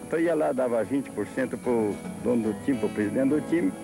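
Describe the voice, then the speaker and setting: Brazilian man in his fifties, relaxed-worded interview storytelling, medium pitch, music behind. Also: a little fast, gravelly, poor audio. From southern Brazil. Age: 50s. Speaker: rodeo founder being interviewed. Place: outdoors at rodeo arena at night. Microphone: handheld reporter microphone. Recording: music behind, old TV tape.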